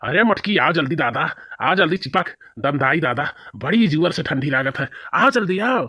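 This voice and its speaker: A man's voice: a little high, expressive, normal speed, pushed and bright, breathy edge, dry recording, clean studio sound, exaggerated voice. A man doing a whiny old village husband, Banwari. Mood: whining. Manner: whiny and grumbling, with rustic dialect. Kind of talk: cartoon voice acting.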